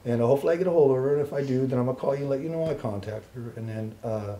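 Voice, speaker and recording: A man's voice: mid-range voice, very fast. Man telling a story, darkish voice. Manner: animated, acts out other people's voices in quotes. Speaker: interview guest. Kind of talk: casual storytelling.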